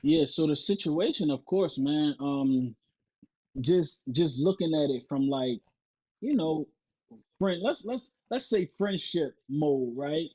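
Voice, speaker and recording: A fairly high, husky male voice talking loosely in casual podcast chat. He rambles, repeats himself and leans on fillers as he works his way into a point. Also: animated, takes it slowly, a little mellow, low-quality recording. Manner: rambling, many fillers and restarts. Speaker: podcast co-host.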